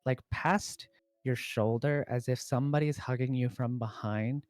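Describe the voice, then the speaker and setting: A man running a tabletop game as game master, narrating in a relaxed way with lots of fillers. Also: mid-range voice, unhurried, dry recording.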